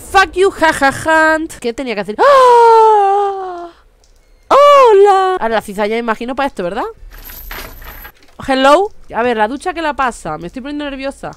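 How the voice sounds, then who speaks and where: A high-voiced woman with a Spain Spanish accent streams a game from her home room. She is excitable and sweary, keeps slipping into broken English and sings bits of a jingle as she plays. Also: moderate pace, smooth. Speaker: gaming streamer. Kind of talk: let's play commentary.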